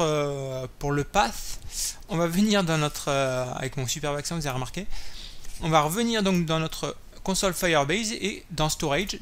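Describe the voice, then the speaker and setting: A man's voice: a little high, a bit bright, a little hiss or hum. A man hosting a coding tutorial, thinking aloud while typing, with many fillers and self-corrections. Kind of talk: screen-recorded coding tutorial. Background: keyboard typing and clicks.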